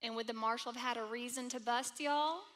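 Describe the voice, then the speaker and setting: A woman's voice: on the high side, fairly even intonation, fairly quick, a crowd in the background, close to an everyday voice. A woman in a church drama playing a kind, polite townswoman who speaks earnestly.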